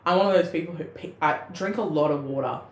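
A woman's voice: sits low, fast. A young woman with a broad Australian accent, chatting casually and bluntly on a comedy podcast, swearing freely as she tells stories. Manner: sweary, blunt, animated storytelling. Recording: roomy, echoey sound.

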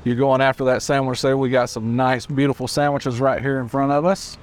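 A man who is a chiropractor guest chatting on an outdoor bakery patio, describing food with relaxed enthusiasm. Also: mid-range voice, brisk. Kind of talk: casual chat.

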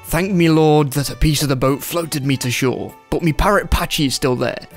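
A man's voice: fairly high pitch, normal speed, natural voice. A man voicing a peg-legged pirate who talks in salty sailor slang, over faint music. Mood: pleading. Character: peg-legged old male pirate, stranded.

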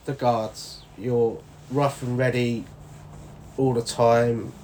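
A man in his thirties tells stories from his army days in a relaxed, chatty way. He laughs often and slips into quick impressions of the people he quotes. His voice sits at an ordinary middle pitch. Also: a little hiss or hum. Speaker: guest, former soldier. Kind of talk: casual interview storytelling.

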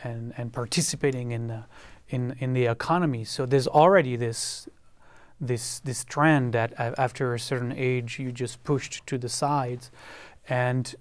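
A French man with a French accent appears as a panel discussion guest, speaking haltingly, full of fillers and repeated words. His voice is mid-range and steady, with no echo.

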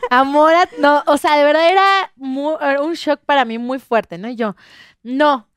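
A woman telling a lively personal story in casual chat, laughing and acting out quoted lines. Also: sits high, moderate pace. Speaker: guest.

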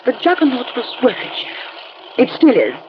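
An actress playing a cold, greedy, murderous wife in an old radio drama. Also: female voice, on the high side, huge pitch swings, a little fast. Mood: defiant. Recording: muffled, noisy old radio recording.

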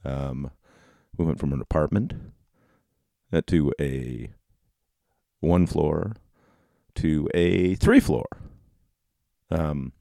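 A man hosting a podcast solo in a casual, rambling way, with halting, informal delivery. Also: rumbling low, vocal fry, mellow, dry recording, clean studio sound. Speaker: podcast host. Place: basement office at home. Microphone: close podcast microphone.

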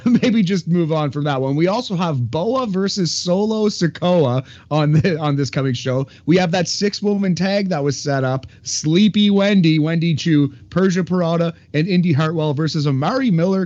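A man's voice: a little high, darkish tone, dull audio. A man co-hosting a casual wrestling podcast, talking in an easygoing, rambling way. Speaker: podcast co-host. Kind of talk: casual wrestling recap chat.

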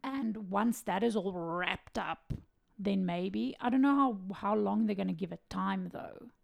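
A woman's voice: mid-range voice, measured pace, gravelly. A young woman co-hosting a casual true crime podcast, giggly, switching between reading case notes and chatting. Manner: giggly, reads case notes then chats. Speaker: podcast co-host.

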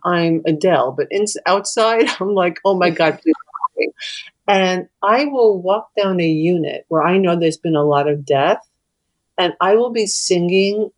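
Animated, laughing hospital chaplain woman. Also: fairly low pitch, poor audio. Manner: animated, laughs often, breaks into off-key singing. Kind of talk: candid interview storytelling.

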